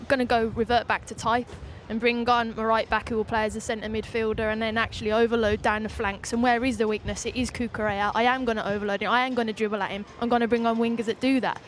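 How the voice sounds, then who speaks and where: A woman in her thirties giving quick, assertive football analysis pitchside into a handheld mic. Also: little pitch movement, slight background noise. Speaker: football pundit. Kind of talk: punditry analysis. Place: outdoors pitchside at a stadium.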